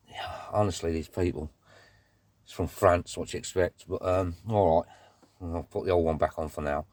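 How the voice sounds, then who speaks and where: A man's voice: sits low, a little mellow, a little hiss or hum. A man doing a casual car repair vlog, grumbling and swearing as he works. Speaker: car DIY vlogger.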